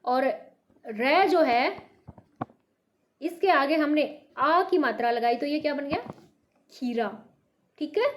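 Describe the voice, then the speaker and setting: A woman's voice: sits high, expressive, a little slow, a little hiss or hum. A woman from North India teaching Hindi to beginners, patiently repeating words with stress. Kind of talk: slow beginner language lesson.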